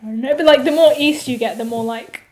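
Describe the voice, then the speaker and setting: A woman's voice: sits high, quick pace, a little mellow. A young woman from East London with a London accent, well-spoken and giggly, chatting as podcast co-host. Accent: London English. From East London, England. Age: young adult. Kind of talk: casual chat.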